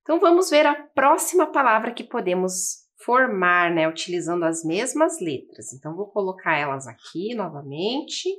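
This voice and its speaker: A Brazilian woman teaching a lesson for children, spelling and counting out letters slowly and asking the viewers questions. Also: on the low side, sing-song, a bit bright. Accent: Brazilian Portuguese. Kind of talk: slow, patient classroom lesson for children. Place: classroom-style studio with a table.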